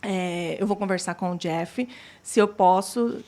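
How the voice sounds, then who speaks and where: A woman's voice: on the low side, unhurried, mellow. A woman telling her personal testimony as an interview guest, acting out the dialogue she recalls. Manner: retells scenes by acting out quoted dialogue.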